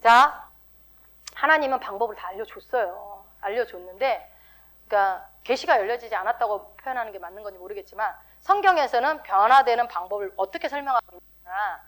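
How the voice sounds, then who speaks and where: A woman pastor giving a lively, teasing sermon and acting out the voices of the people she describes. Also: a little high, a little fast. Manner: lively, teasing, acts out quoted speech.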